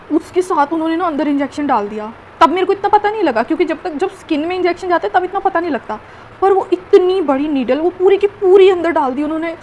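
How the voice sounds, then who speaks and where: A young woman with a high voice talks straight to camera in a casual storytime vlog, recounting her injury in an animated, rambling way with many fillers. A faint hiss of background noise sits under her voice. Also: low-quality recording. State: recovering from knee injury. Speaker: vlogger.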